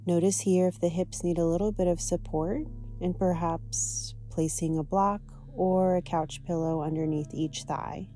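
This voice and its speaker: A yoga teacher with a low, soft, dark voice leads a guided yoga and meditation session, her tone steady and her guidance gentle, soothing and unhurried. Faint guitar music plays in the background.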